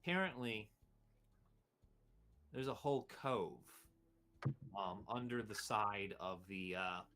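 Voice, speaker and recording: A man narrating a tabletop role-playing game as game master, halting and searching for his words. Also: fairly low pitch, lively intonation, fairly bright tone.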